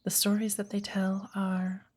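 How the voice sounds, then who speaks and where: Patient and instructive, the woods witch in this ASMR roleplay is played by a woman teaching magic. She uses formal phrasing, spoken with gentle, measured care in a husky, breathy medium-pitched voice that often drops to a hush. Her delivery is completely flat.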